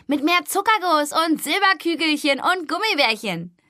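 A woman's voice: high-pitched, animated, normal speed, sharp tone, dry recording, studio quality, pitched above the performer's own voice. A woman voicing a boastful, pushy aunt fairy in a children's audiobook.

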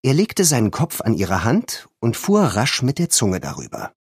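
A man reading a children's adventure story aloud as narrator, calm and expressive. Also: medium pitch, normal speed, breathy edge, no echo, studio quality.

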